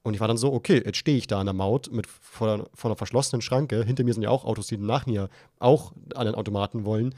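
A young man hosts a podcast, spinning a long story in casual chat and talking fast with hardly any pauses. He's an animated storyteller who acts out his own panicked, flustered voice in a high pitch. The studio sound is clean, with no room sound.

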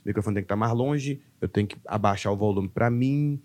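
A man, a stand-up comedian from Brazil, chatting casually and telling profane, animated stories full of acted-out quotes. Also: lowish voice, fairly quick. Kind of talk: casual podcast chat.

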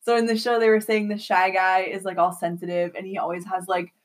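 A young woman co-hosting a casual chat, steering the talk with questions and quick reactions. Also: medium pitch, flat delivery. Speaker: co-host.

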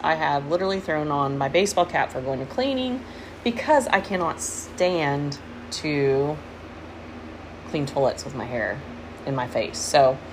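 Low-voiced middle-aged woman, noisy room. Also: a bit bright. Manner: candid, rambling. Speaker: podcast host. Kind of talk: casual personal monologue. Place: room with window units and fans running. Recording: noisy, window units and fans humming.

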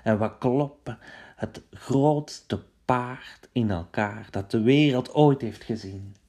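A man voicing a sly Greek commander, speaking in a low, conspiratorial way. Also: slow. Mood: scheming. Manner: hushed conspiratorial whisper.

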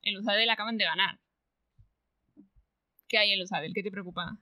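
Bright-voiced woman recapping a book. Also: medium pitch, steady tone, fairly quick, no echo, rough recording. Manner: retells the plot with acted quotes and laughter. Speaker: podcast co-host. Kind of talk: casual book-club chat.

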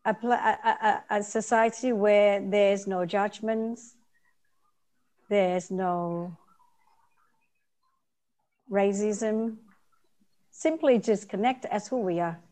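A woman's voice: mid-range voice, slow, long pauses, darkish tone. A woman in her forties from Vietnam, answering interview questions earnestly and often repeating her key phrases. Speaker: interview guest, nonprofit founder.

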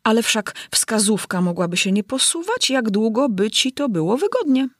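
A woman's voice: a little high, sing-song, normal speed, no room sound, studio quality, voice pushed up. Woman doing a rambling whimsical hatter. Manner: rambling, sing-song.

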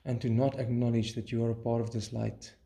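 Man, mid-pitched, mellow and relaxed, calm meditation teacher, soothing measured phrasing. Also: gravelly. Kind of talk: guided meditation.

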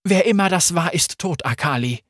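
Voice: medium pitch, lively intonation, normal speed, fairly bright tone, no room sound, studio quality, voice pushed up. An audiobook narrator voicing a hardened young woman fighter who speaks in a clipped, firm, impatient way, a little above the narration. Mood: grim. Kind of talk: audiobook character voice.

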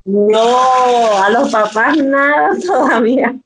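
A young woman with a Venezuelan accent, a podcast guest, telling her story in a casual, animated way and acting out the voices of the people in it. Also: on the high side, takes it slowly, crowd noise, poor audio. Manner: animated, acts out quoted voices.

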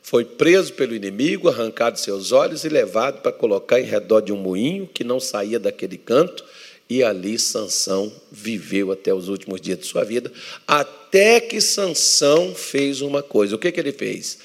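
A Brazilian male pastor preaches with a gravelly, textured voice in a church hall. He swings from loud emphatic declarations to hushed, close storytelling. A long reverb trails behind his words. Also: medium pitch, animated, moderate pace. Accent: Brazilian Portuguese. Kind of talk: sermon.

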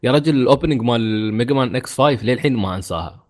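Quick talking guy on a gaming podcast, laughs a lot, teases the others. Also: mid-range voice. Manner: laughs often, teasing. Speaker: podcast co-host. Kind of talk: casual chat.

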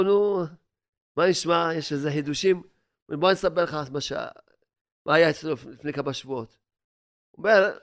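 A man with a fairly high voice preaches a sermon, telling stories and swinging between loud urging and hushed asides.

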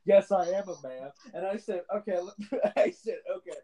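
A man's voice: high-pitched, moderate pace. A man in profane casual chat, telling a story with lots of laughter. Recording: crowd chatter in background.

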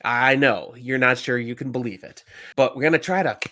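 A man's voice: medium pitch, moderate pace. A middle-aged man hosting an informal, enthusiastic solo book podcast, his voice slightly congested and stuffy from a cold. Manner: informal, emphatic, animated. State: getting over a cold. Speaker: podcast host.

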